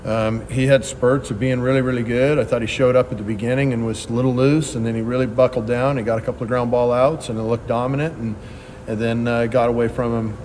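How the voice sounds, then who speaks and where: Fielding reporters' questions after the game, a middle-aged head coach gives fast, plain-spoken answers and keeps restarting his sentences partway through. He stands before a ballpark press backdrop, his darkish, medium-pitched voice over a faint background hum.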